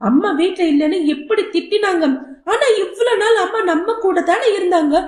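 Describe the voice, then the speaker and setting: A woman's voice: extremely high pitch, moderate pace, voice pushed up. A woman doing a stubborn tearful little boy. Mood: pleading. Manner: pleading, whiny child voice. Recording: roomy echo.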